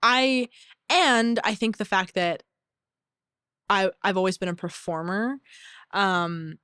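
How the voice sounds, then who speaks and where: A twenty-two-year-old woman from the Bahamas, a singer-songwriter talking thoughtfully in an interview, with many fillers and pauses. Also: medium pitch, sharp tone, clear, resonant tone, no room sound, studio quality. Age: 20s. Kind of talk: casual interview chat. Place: recording studio.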